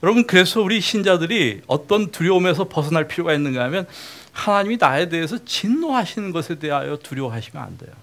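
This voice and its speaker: A man's voice: a little high, very animated, fast, hardly any pauses, fairly bright tone. Questioning male pastor's lecture sermon. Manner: conversational, asks the congregation questions.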